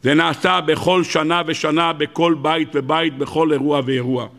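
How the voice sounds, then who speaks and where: A man preaching a sermon as a rabbi, animated and emphatic, acting out voices in his stories. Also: gravelly. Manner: animated preaching, rising to high emphatic peaks and acting out dialogue.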